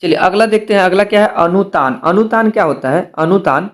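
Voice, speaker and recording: A man teaching grammar to exam students, his voice sitting noticeably high. He spells letters out slowly, one at a time, and poses rhetorical questions before answering them himself. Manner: explains step by step, slows to spell out letters and asks rhetorical questions. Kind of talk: exam-prep grammar lesson.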